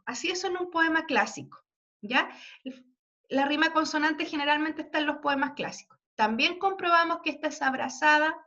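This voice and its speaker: A high-pitched woman teaches a class, walking through examples step by step and pausing often to check that her students follow. The recording is dull and lo-fi. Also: a bit bright. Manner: checks understanding often with tag questions; patient, spells out examples slowly. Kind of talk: classroom lesson explaining poetry.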